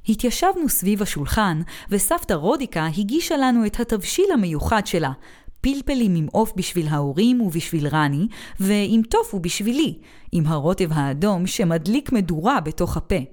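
A woman reading a children's story aloud in the first person, with expressive storytelling. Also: medium pitch.

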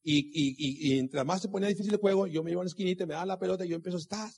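Middle-aged male motivational speaker, husky and preachy, heavy on rhetorical questions and repetition. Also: high voice, racing, a little mellow. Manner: preachy, asks rhetorical questions and repeats key lines; tells personal anecdotes. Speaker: motivational speaker at a business meeting. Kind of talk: motivational talk to a live audience.

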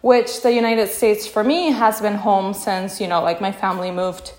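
A woman's voice: medium pitch, steady tone, normal speed, darkish tone. A young woman from Peru, hosting a casual podcast monologue, candid and chatty, laughing often and saying "like" and "you know" a lot. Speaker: podcast host.

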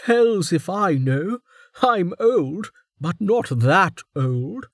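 A man putting on a very old, imperious female warden, pitched well above his normal voice and drawling with slow, mocking emphasis. She sounds teasing and sardonic, delivered in a close, dry audiobook read. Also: very animated, no echo, exaggerated voice. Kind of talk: audiobook character voice.

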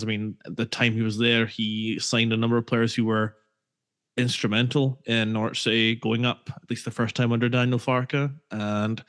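A man co-hosts a casual football podcast with a low voice. He talks in a measured, thoughtful way, pausing on frequent ums. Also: fairly bright tone. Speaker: podcast co-host.

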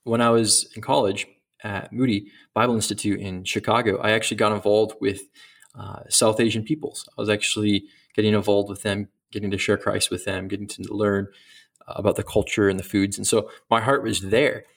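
A man's voice: fairly low pitch, little pitch movement, a little fast, gravelly. A middle-aged man speaking as a missionary guest in an interview, earnest and reflective, often restarting his sentences. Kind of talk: casual interview talk.

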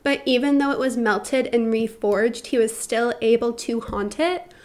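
A woman guest on a podcast, chatting casually and telling a story with lots of fillers. Her voice sits a bit high. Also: measured pace, darkish tone. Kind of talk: casual chat.

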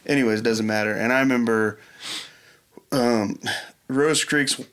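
A man in casual chat, telling a long golf story with lively energy and frequent laughs. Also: medium pitch, measured pace, clean tone. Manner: animated storyteller, laughs often. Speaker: podcast guest telling golf stories.

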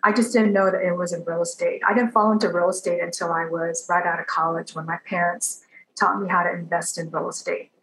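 A woman's voice: on the low side, fairly quick. Woman from Taiwan, raised in Los Angeles, chatty podcast guest, roomy echo, faint hiss behind. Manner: open, animated storyteller with easy laughs. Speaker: realtor and guest. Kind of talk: podcast interview storytelling. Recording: echoey room with faint background noise.

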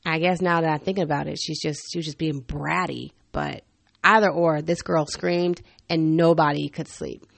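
An animated woman in her thirties tells stories in a candid, funny way and laughs often. Her voice sits fairly low, and the recording is dry and close. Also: moderate pace, creaky, dry recording. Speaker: podcast host. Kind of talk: personal storytelling monologue.

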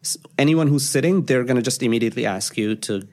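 A man, a podcast guest who tells stories in a casual, animated way. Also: medium pitch, fast talker. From Pakistan. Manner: animated storyteller, acts out quoted voices. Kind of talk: casual storytelling interview.

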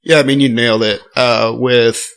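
Recorded in a garage studio, this podcast guest, a young college golfer, swaps stories in relaxed conversation full of fillers like "like" and "I mean". His mid-range voice is a bit bright, with fairly even intonation and a moderate pace.

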